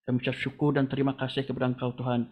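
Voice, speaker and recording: A man's voice: medium pitch, monotone, very fast. A man leading a congregation in a long spoken prayer, calling on the Lord after nearly every phrase. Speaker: prayer leader. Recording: tinny phone-like line.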